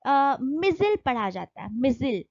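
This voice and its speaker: A young Indian woman teaching an exam-prep lesson, reading English notes slowly and then explaining them in Hindi with fillers. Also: sits high, lively intonation, no echo, muffled recording.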